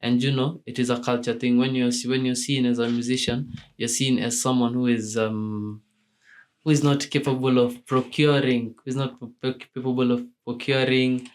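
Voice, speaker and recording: A man's voice: mid-range voice, flat delivery, moderate pace. A young man from Kenya answering radio interview questions about his music, with many fillers and restarts. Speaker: musician guest.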